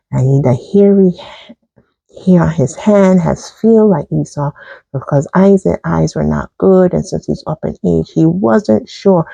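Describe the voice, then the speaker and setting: Gravelly, chatty chaplain retelling Bible stories. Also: medium pitch, mellow, dry recording, rough recording. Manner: chatty, digressive, with chuckles and asides. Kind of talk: casual Bible storytelling.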